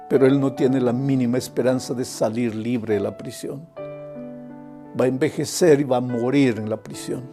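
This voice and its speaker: An older man preaches with a warm, mellow, gravelly voice, addressing the listener personally and earnestly. Soft instrumental music plays faintly beneath him. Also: medium pitch. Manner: earnest, speaks directly to the listener as "dear one". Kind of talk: evangelistic sermon.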